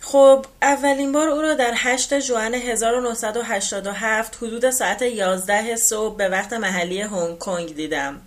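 A woman reading the part of an older man who calmly and reflectively recounts his past in a novel. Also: fairly high pitch, few pauses, lightly acted.

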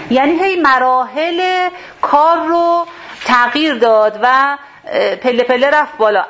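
A woman's voice: high voice, a bit bright. A woman leading a religious class, explaining a verse step by step and rephrasing its terms. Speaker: Quran teacher. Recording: dull lo-fi sound with faint hiss.

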